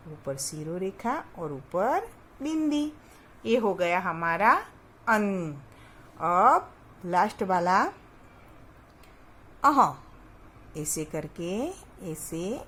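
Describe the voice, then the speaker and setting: A woman teaching young children to write Hindi vowels, speaking slowly and stretching each sound, then answering her own questions. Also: medium pitch, fairly bright tone, slight background noise. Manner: asks questions and answers them herself. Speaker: primary school teacher. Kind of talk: online Hindi alphabet lesson for children.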